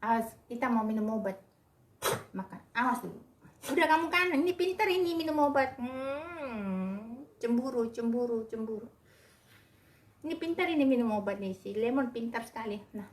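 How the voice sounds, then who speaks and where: A woman speaks to her pets in doting, coaxing baby-talk, with a voice pitched a little high that leaps up and down. The sound echoes off the walls of a room at home. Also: lively intonation, normal speed, a little hiss or hum. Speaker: pet owner.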